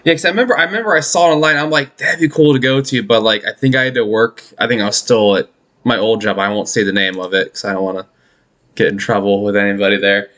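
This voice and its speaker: A man's voice: on the low side, steady tone, fast, fairly bright tone. Rambling man in his thirties. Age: 30s. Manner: rambling, self-deprecating storyteller. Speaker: podcast host. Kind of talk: casual chat.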